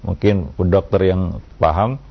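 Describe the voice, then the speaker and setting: A male preacher answering a listener's question with calm religious advice, unhurried and full of little "ya" tags, on a dull lo-fi recording. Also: low voice, creaky. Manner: unhurried, with frequent "ya" and "kan begitu" tags.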